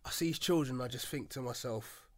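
A man with a mid-range voice, speaking a little fast, is a guest on a casual podcast. He tells a long personal story earnestly, acting out in quotes what other people said.

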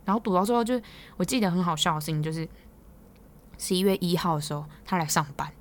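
A young woman with a Taiwanese Mandarin accent, hosting a podcast and telling stories in a chatty, teasing way, quick to laugh. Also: fairly low pitch. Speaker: podcast host. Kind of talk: casual storytelling monologue.

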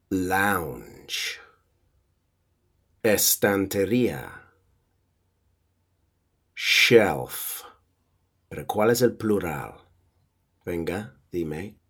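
A man teaches English vocabulary at a very unhurried pace. His low, husky voice rises and falls in a lively way. He teases the listener playfully and leaves pauses for them to repeat each word. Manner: playful, teasing quizzing; drills words with pauses to repeat. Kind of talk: vocabulary lesson.

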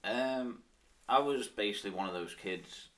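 A man's voice: fairly low pitch, normal speed, distant mic. A man with a strong Isle of Man accent, chatting casually as a guest in an interview. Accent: strong Manx (Isle of Man). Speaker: podcast guest, cyclist. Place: podcast studio.

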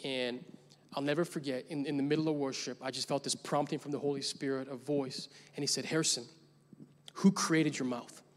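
A young adult male pastor preaches in a large church hall, telling a story casually before building to emphatic points. His mid-range voice is fairly even and a little fast, with long church hall reverb on the recording.

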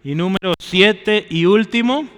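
A man's voice: high-pitched, measured pace, fairly bright tone, clean tone, long reverb tail. A man preaching a sermon and closing in prayer, urging his listeners and often checking in with a short "right?" and "brother". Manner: exhorting, often adds "¿sí?" and "hermano" to his phrases.

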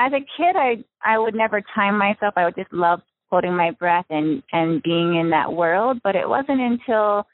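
A woman's voice: mid-range voice, dry recording. Woman from Hawaii on a phone line. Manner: relaxed, chatty with frequent ums and soft laughs. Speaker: guest, freediving spearfisher. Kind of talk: casual interview over the phone. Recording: tinny phone line, dry.

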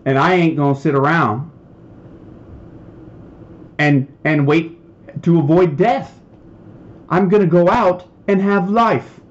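Guy preaching all fired up on his podcast, voice sits kinda high, muffled lo-fi audio. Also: slow, pauses often. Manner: heated, worked-up, emphatic. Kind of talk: impassioned podcast sermon.

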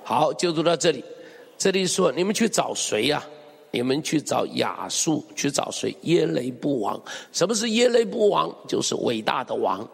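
A man's voice: fairly high pitch, very animated, moderate pace, gravelly, breathy edge, in a large hall. A male pastor preaching a sermon, emphatic and full of rhetorical questions to the congregation. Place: church hall.

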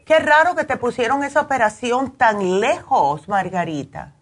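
A woman's voice: fairly high pitch, lively intonation, husky. A woman hosting a call-in health show, giving advice in an affectionate, reassuring way. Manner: affectionate, reassuring, quick backchannels. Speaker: radio health show host.

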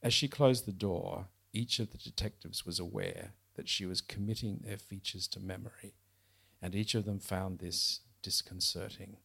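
A man's voice: low-pitched, lively intonation, normal speed, vocal fry, bright, forceful tone, breathy edge. A man, an author chatting wryly and reading aloud from his novel at a bookshop event. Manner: chatty, wry, with fillers and restarts.

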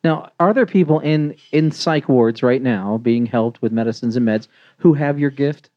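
A man's voice: mid-range voice, normal speed, highs cut off. An American man hosting a talk show, casually interviewing and making announcements to listeners. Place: press club before a small live audience.

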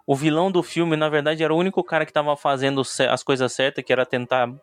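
A man's voice: fairly high pitch, flat delivery, quick pace, clear, resonant tone, no echo. A man with a Brazilian Portuguese accent, co-hosting a casual film chat with informal slang, emphatic opinions and teasing banter. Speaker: podcast co-host.

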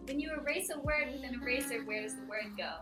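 A woman's voice: high voice, quick pace, over music. A young woman chatting casually, playful and giggly, rambling with lots of fillers. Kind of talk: casual chat.

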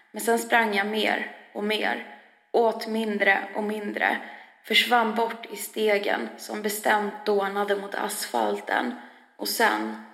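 A woman reads a first-person spoken-word piece slowly and heavily, her voice carrying a gravelly fry. The recording sits in a roomy space with a long, ringing reverb trailing each line. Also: mid-range voice, a bit bright. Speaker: reader. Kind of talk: scripted spoken-word narration. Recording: echoey room with long reverb.

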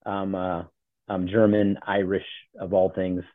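Man, forties, low voice, casual rambling talk, tinny phone-like audio. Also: a little slow, dry recording. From born in Ohio, grew up in Charlotte. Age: 40s. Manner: relaxed, rambling with many fillers. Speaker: podcast guest, nonprofit CEO.

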